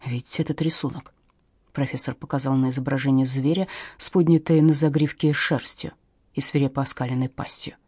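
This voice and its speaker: A woman's voice: rumbling low, fairly even intonation, a little fast, warm tone, husky, dry recording, studio quality. A woman narrating an audiobook in a wry storytelling manner.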